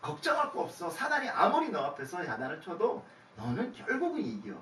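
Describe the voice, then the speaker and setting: A man with a high-sitting voice preaches a casual sermon a little fast in a church worship room, lively as he acts out God's and Abraham's lines in conversation. He chuckles and asks his listeners questions. The distant mic captures an echoey hall with a little hiss or hum.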